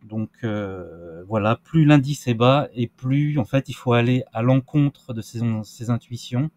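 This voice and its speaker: A man's voice: mid-range voice, a little slow, a little mellow. A man giving casual crypto market commentary, hesitant with many fillers and restarts. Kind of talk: casual screen-share market analysis.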